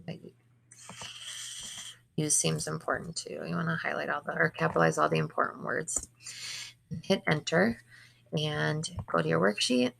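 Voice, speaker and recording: A young woman teacher, hoarse today, talking quickly and casually through a step-by-step computer tutorial for her students. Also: deep voice, fairly even intonation, fairly bright tone, slight background noise. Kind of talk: screen-recorded classroom tutorial.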